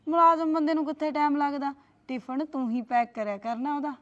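A woman's voice: high-pitched, brisk, highs cut off, lightly acted. A woman playing a sly, needling sister-in-law. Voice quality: coaxing, needling. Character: sly, meddling young sister-in-law, sweetly coaxing. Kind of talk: short family drama.

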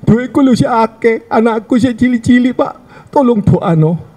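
A man's voice: very high voice, lively intonation, measured pace, warm tone, pitched above the performer's own voice, full character voice. A man voicing a frightened, dying rich businessman who pleads for prayer. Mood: pleading. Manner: pleading, tearful.

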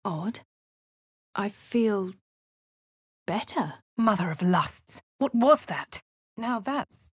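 Fairly low in pitch, an actress performs the player character, a posh female adventurer with a posh English accent. Her lines and narration are cool and wry, and the close studio mic gives a dry, clean recording.

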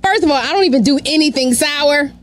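A woman's voice: sits high, quick pace, a loud crowd. A woman in her thirties co-hosting a podcast, chatting casually into a close studio microphone. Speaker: podcast co-host. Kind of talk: casual chat. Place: small indoor podcast studio.

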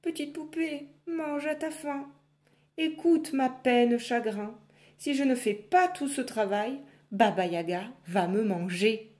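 A woman voicing a timid young peasant girl in a storybook reading, soft and pleading. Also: fairly high pitch, measured pace, pitched above the performer's own voice, natural voice. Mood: tearful.

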